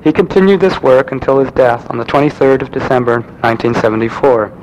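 A man giving a prepared lecture, reading in a measured way with occasional restarts. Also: mid-range voice, a little mellow, muffled recording, slight background noise.

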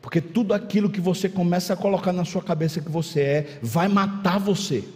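A man's voice: high-pitched, brisk, darkish tone, long reverb tail. A man preaching a sermon, dramatic, firing rhetorical questions and acting out little scenes.

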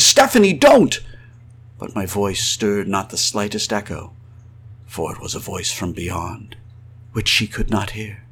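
In an old-fashioned melodramatic horror radio monologue, a man with a lowish, breathy-edged voice acts out an anguished male spirit trapped outside his undead body. His theatrical, florid delivery swells from hushed tones to frantic cries.

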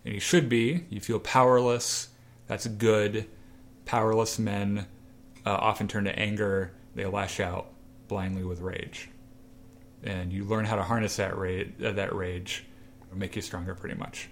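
Man co-host, low voice, animated storyteller, faint room hum behind. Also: unhurried. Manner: animated storyteller, acts out quoted lines. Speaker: podcast co-host. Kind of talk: casual chat retelling a comic.

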